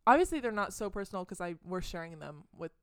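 A young woman from the United States co-hosts a podcast with a friend. She talks in an easy, giggly way and often pokes fun at herself. Her voice sits at an ordinary pitch and sounds dry and close to the mic. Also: big pitch swings, fast, clear, resonant tone, no room sound. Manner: chatty, giggly, self-deprecating. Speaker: podcast co-host. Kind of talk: casual chat.

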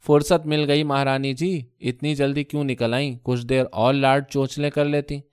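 A man voicing a quarrelsome middle-aged first wife who taunts and shouts in a sharp voice. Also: mid-range voice, flat delivery, smooth, no room sound, studio quality, close to an everyday voice. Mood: taunting.

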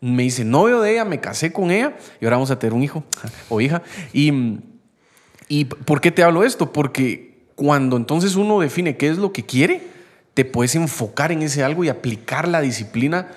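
Young man, lively faith-based podcast talk. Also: a little high, normal speed. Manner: animated, acts out quoted voices.

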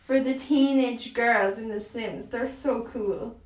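A woman's voice: a little high, slow, recorded from a distance. A young woman co-hosting a casual podcast, chiming in with short teasing remarks. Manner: teasing, brief interjections. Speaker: podcast co-host. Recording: echoey room.

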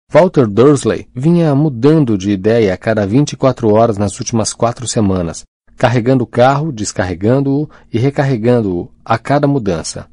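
A man reading a novel aloud as an audiobook narrator, in a measured, expressive way, on a close mic. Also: medium pitch, no echo. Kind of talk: scripted narration.

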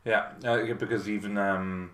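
A man chatting casually, rambling and animated, often mimicking other people's voices. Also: fairly low pitch, normal speed, roomy sound. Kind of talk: casual chat.

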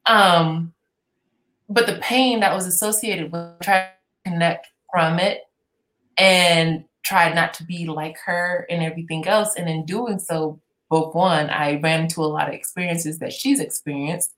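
A woman's voice: fairly low pitch, a little slow, a bit bright, reverberant, poor audio. A woman being interviewed as a guest, speaking candidly and laughing easily about personal matters. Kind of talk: casual chat.

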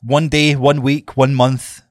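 A man's voice: medium pitch, level tone, takes it slowly, no echo, studio quality. A Scottish man co-hosting a fitness podcast as a coach, chatting casually in an informal, sweary, motivational way.

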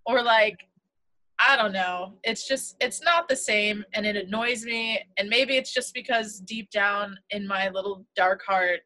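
Laughing, bright-voiced woman chatting. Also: mid-range voice, unhurried. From United States. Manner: laughs often, swears casually, acts out her own past remarks. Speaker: talk show co-host. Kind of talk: casual chat.

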